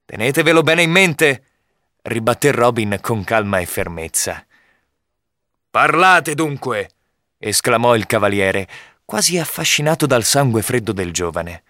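A man reading a storybook aloud in a measured, expressive narration. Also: on the low side, no echo, studio quality.

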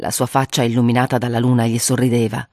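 A reader narrating a spooky children's story aloud in an expressive way, acting out the voices. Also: medium pitch, quick pace, no room sound, studio quality.

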